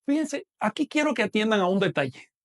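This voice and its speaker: A man's voice: sits high, very animated, a little fast. A man teaching a live online lesson, patiently explaining step by step and asking questions that he then answers himself.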